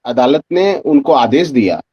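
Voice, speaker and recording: Offering conversational political commentary, a guest who is a senior journalist and political analyst poses questions and then answers them pointedly. He has a mid-range, mellow, slightly rough voice with lively intonation and a somewhat slow pace, on a dry recording with dull lo-fi audio.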